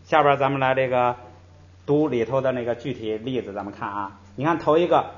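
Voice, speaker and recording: A man's voice: medium pitch, brisk. A male language teacher giving a patient lecture, stretching out example syllables and dropping in little interjections between points. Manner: explains patiently, drawing out example syllables and often saying "hey" between points. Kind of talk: classroom-style lecture. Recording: slightly muffled recording.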